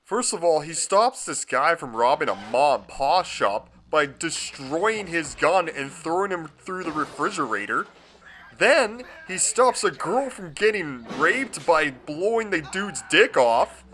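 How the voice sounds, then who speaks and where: A man with a high, bright voice delivers a comedic movie review. His pitch swings widely as he gushes, and he swears freely throughout. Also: measured pace, a little hiss or hum. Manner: profane, excitable and gushing.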